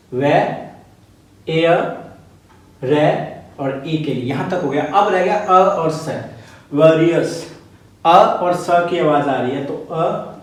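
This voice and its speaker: A man's voice: fairly high pitch, far from the mic. Male teacher in a very echoey room. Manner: patient, repetitive, checks in with "ok, clear?". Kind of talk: phonetics lesson explaining symbols step by step. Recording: very echoey room, voice a bit off-mic.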